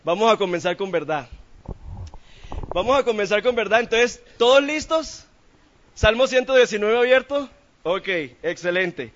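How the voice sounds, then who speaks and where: A man's voice: high voice, animated, moderate pace, long pauses, a bit bright, highs cut off. A man preaching a sermon in church, asking the congregation questions in a playful, colloquial way.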